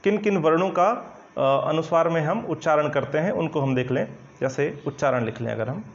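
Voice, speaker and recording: A man teaching Hindi grammar in an online coaching lesson, explaining step by step while writing on a board, often checking in with "right?" and pausing with fillers. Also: a little high. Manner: explanatory, repeats "ठीक है ना" often, hesitant fillers. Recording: dull lo-fi recording.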